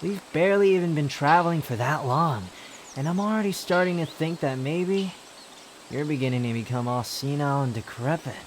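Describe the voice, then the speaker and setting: A man playing a sharp-tongued, haughty, youthful-looking immortal wanderer in a roleplay audio drama, speaking in a sardonic, theatrical, teasing way. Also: fairly high pitch, moderate pace, noisy background, lightly acted. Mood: mocking, teasing. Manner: sardonic, scolding, theatrical delivery with sighs.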